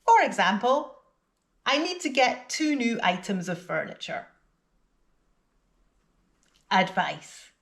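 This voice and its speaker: A native English-speaking woman with a medium-pitched, sing-song voice leads a scripted vocabulary lesson. She teaches clearly and deliberately, running repeat-after-me drills.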